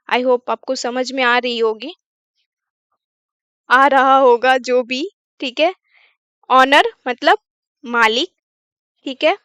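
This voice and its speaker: A woman teacher walks through a story one word at a time, asking and then answering her own questions. Her voice sits high and bright, and she talks slowly. The sound is dry and close. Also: clean tone, dry recording. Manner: asks questions then answers them, repeats words slowly. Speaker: English teacher. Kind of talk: bilingual English reading lesson.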